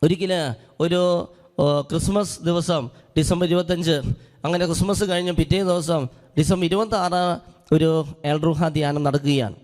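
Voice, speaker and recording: ഒരു പുരോഹിതൻ ഹാളിന്റെ മുഴക്കത്തിൽ, ഒരു അനുഭവകഥ പറഞ്ഞുകൊണ്ടുള്ള പ്രസംഗം. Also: male voice, fairly high pitch, steady tone, moderate pace, pauses often, darkish tone. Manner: earnest storytelling, acts out quoted speech. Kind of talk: sermon with a personal story. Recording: long hall reverb.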